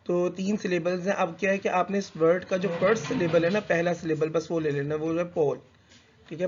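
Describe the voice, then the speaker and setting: Man, lecture-style teacher, pitch a touch high, dull lo-fi recording, stops to correct himself. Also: a little mellow, slight background noise. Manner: reads English slowly, then explains in conversational Hindi mixed with English; hesitant, with fillers and self-corrections. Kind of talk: explanatory lecture.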